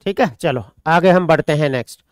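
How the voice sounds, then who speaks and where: High-voiced man teaching a class. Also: a little fast, no room sound, studio quality. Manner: repetitive, dictates notes and answers student questions. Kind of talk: online exam-prep class.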